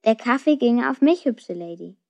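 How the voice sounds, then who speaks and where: A woman's voice: fairly high pitch, lively intonation, vocal fry, darkish tone. Woman doing a polite, lovestruck schoolboy. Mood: courtly. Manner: courteous, slow and earnest. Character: shy, polite teenage boy in love. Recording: dull lo-fi recording.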